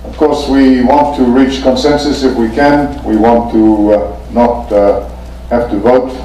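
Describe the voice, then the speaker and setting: A man from Fiji, chairing a formal meeting in a polite, measured way with frequent pauses. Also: mid-range voice, fairly even intonation, mellow, slight background noise. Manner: polite, measured, often pausing. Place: conference meeting room. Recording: echoey meeting room, mic at a distance.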